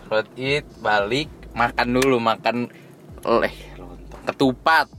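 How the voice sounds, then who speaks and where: Young male podcast co-host, mid-pitched, relaxed teasing banter. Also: a little slow, slight background noise. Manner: laid-back teasing, casual swearing. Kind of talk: casual chat.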